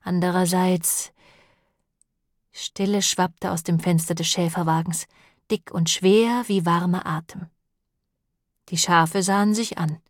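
A woman narrating an audiobook in a calm, even storytelling manner. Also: on the low side, measured pace, no echo, clean studio sound.

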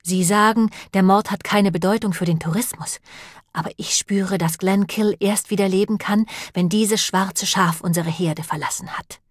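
A woman's voice: medium pitch, fairly even intonation, normal speed, no echo, clean studio sound, lightly acted. A woman reading an audiobook and voicing an earnest, pious village woman who talks in an urgent, brooding and preachy way.

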